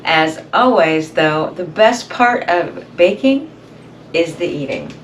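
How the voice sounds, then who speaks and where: A woman's voice: fairly low pitch, expressive, slow. A middle-aged woman hosting a home baking video, chatty and upbeat as she talks straight to viewers. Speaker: baking channel host. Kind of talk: casual cooking demonstration. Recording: voice a little far from the mic, faint room noise.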